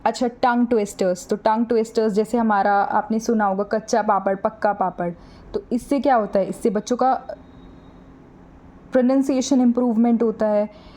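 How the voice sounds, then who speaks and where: A young woman teaching trainee teachers, explaining in Hindi and reading English lines slowly and carefully. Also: a little high, fairly even intonation, mellow.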